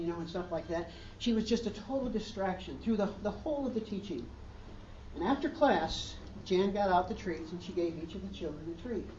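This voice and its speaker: A man's voice: high-pitched, a little mellow, highs cut off, slight background noise. A man preaching a sermon as pastor, in an earnest way, with emphatic rising questions, recorded from a distance in a church hall.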